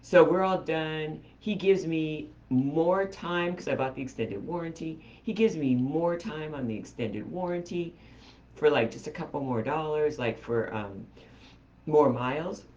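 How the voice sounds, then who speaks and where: A woman telling a story on her vlog in a chatty, animated way, talking straight to her viewers. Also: sits low, unhurried, dull audio. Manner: chatty, animated retelling, addresses viewers directly. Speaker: vlogger.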